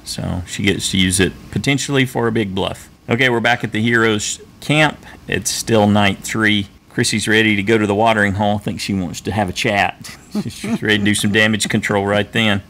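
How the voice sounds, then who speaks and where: A man's voice: lowish voice, steady tone, normal speed, few pauses, a bit bright, a little hiss or hum. A man co-hosting a podcast, recapping a reality show in casual, teasing chat. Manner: chatty, teasing, laughs often. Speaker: podcast co-host.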